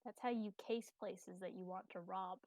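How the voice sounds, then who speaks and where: A woman in a tabletop role-playing game asks skeptical questions in casual banter with the group. Her voice sits at a middle pitch. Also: fairly even intonation, moderate pace, crowd noise.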